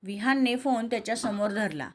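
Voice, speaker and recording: A woman's voice: a little high, expressive, moderate pace, darkish tone. A woman reading a romantic serial story aloud, voicing every character in her own voice. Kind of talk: scripted story narration with dialogue.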